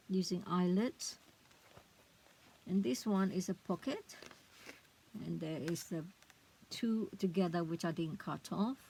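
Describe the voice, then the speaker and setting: A middle-aged woman talks through her handmade craft book in a relaxed, unhurried way, pausing and searching for words. Her voice sits a little low and has a gravelly edge. A faint hiss of room noise stays under her. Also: low-quality recording. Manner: chatty, hesitant, trails off searching for words. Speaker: craft vlogger. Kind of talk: casual show-and-tell of a handmade book.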